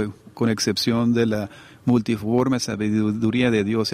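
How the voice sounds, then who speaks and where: A man's voice: medium pitch, a little mellow. A middle-aged man preaching a sermon to a congregation in a conversational way, often asking his listeners to agree.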